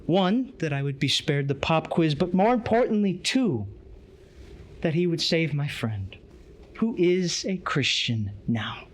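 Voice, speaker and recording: A man's voice: a little high, animated, a little slow. A man giving an earnest, emphatic conference lecture, reading from a tablet.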